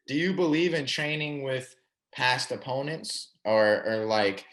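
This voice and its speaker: A man hosting an interview show, asking questions and affirming answers with quick agreement. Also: medium pitch, a bit bright. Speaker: podcast host. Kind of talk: casual interview.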